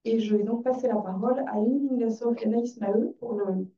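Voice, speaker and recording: A woman's voice: fairly high pitch, quick pace, mellow. A woman moderating a conference session, introducing the topic and speakers. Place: conference room. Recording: distant, dull conference microphone.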